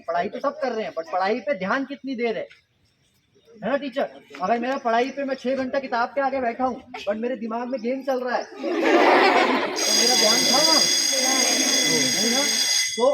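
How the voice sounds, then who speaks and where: Over a noisy crowd, a man with an extremely high pitch speaks at a normal pace. He's running a playful mind-power session for school students and keeps testing them with questions.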